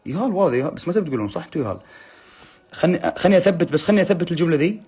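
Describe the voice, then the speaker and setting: A man's voice: fairly high pitch, expressive, rapid-fire, a little mellow, breathy edge, soft background music. A young man hosting a casual phone livestream, chatty and teasing as he reads viewers' comments aloud in bursts. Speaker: livestream host. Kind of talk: casual live chat reading comments.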